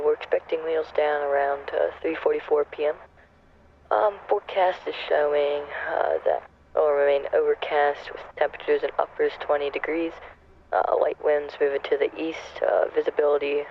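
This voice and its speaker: Man, airline pilot, cabin announcement, halting, lots of ums, flat delivery, tinny speaker, faint engine hum. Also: fairly high pitch. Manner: halting, many fillers and self-corrections. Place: airplane cockpit.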